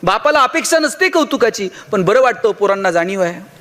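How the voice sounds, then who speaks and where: Brief: man with a Marathi accent, high-pitched speaking voice, lively storytelling motivational speaker. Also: brisk. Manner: storytelling with acted dialogue and humor. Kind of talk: motivational speech.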